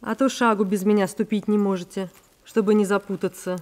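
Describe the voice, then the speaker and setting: Casting: actress as a dignified, commanding empress, imperious and stern, in a period film scene. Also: female voice, mid-range voice, steady tone, fairly quick, darkish tone, close to an everyday voice. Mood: reproving. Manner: imperious, reproving. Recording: film clip, distant.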